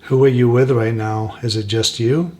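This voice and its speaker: A soft-spoken man hosting a spirit box session, asking gentle questions slowly and leaving pauses for an answer. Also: medium pitch, steady tone. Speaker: paranormal investigator, host.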